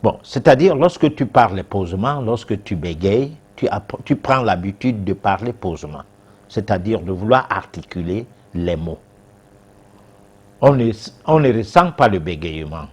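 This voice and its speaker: A low, husky man's voice. He answers viewers' questions as a TV show guest, hesitant and full of fillers and restarts. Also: lively intonation, normal speed, darkish tone. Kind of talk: TV talk show advice.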